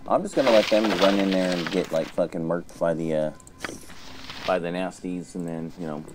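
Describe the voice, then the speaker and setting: A man's voice: sits low, normal speed, music in the background. A man casually commenting on a fantasy game as he plays, laid-back and swearing. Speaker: let's play host.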